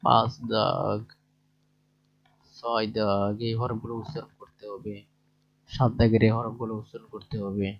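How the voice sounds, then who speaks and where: A man's voice: lowish voice, level tone, moderate pace, gravelly, long pauses. A man with a Bangladeshi Bengali accent teaching a lesson from a textbook. He explains each exercise in plain talk and checks in with his listeners. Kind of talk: lesson, reading through a textbook. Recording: dull lo-fi recording.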